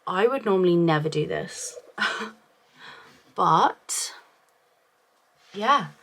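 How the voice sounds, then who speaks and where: A woman's voice: lowish voice, animated, drawn-out words, a bit bright. A woman vlogger reviewing beauty products in a casual, chatty way, thinking aloud, her voice chesty from a cough. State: chesty from a week-long cough.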